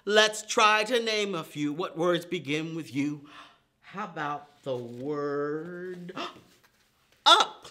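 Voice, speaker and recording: A middle-aged man hosts preschool storytime in an indoor room with a painted paper backdrop, teaching small children with chants and counting rhymes in exaggerated, simple, repetitive phrasing. His voice is a little high, slow-paced, bright, and forceful.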